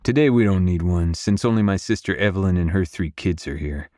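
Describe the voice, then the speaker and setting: A man narrating a romance audiobook in first person, in a gruff, brooding manner on a close studio mic. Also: low-pitched, lively intonation, fairly quick, darkish tone, dry recording.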